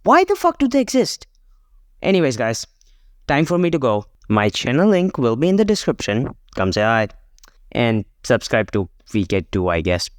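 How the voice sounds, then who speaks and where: A man rants casually and brashly as a guest commentator, swearing as he goes. His voice is smooth, at a middle pitch. The recording is dry, with no room sound. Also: very animated, normal speed, no room sound. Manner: brash, profane. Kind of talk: casual rant.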